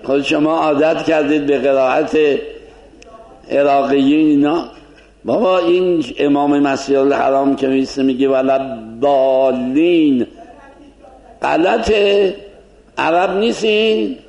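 A man's voice: medium pitch, fairly even intonation, vocal fry, darkish tone, muffled recording. A man giving an informal lecture to a class, explaining conversationally and asking rhetorical questions.

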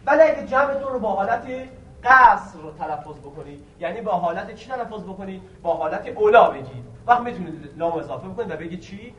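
A man teaching a grammar lesson, quizzing the students with questions and slowly stretching out key words. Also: sits high, expressive, a bit bright, far from the mic, dull audio, slight background noise. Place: classroom. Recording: echoey room recorded from afar.

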